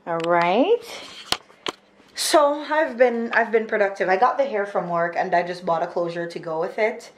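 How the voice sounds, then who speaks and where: A woman's voice: medium pitch, lively intonation, normal speed, a little hiss or hum. Chatty young woman vlogging at home. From Jamaica. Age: 20s. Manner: chatty, rambling, thinking aloud with many fillers. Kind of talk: casual daily vlog chat. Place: small home kitchen and spare room indoors.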